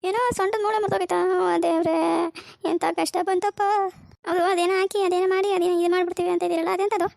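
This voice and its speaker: A woman's voice: very high-pitched, fairly even intonation, racing, gravelly, a little mellow, dry recording, clean studio sound. A woman voicing a fretful, dramatic middle-aged wife in a comedy cartoon, wailing and chattering. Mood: distraught. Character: fretful middle-aged wife, fame-hungry reels maker. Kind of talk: cartoon voice acting.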